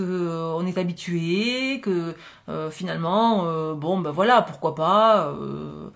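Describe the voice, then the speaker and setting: A woman giving a spiritual love card reading, with a gentle, reassuring manner, thinking aloud as she goes. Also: lowish voice, creaky. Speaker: oracle card reader.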